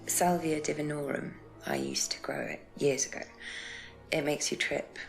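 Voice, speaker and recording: A woman's voice: sits low, big pitch swings, moderate pace, gravelly, faint music behind, full character voice. A woman playing a frank, matter-of-fact pub landlady in a video game. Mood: knowing.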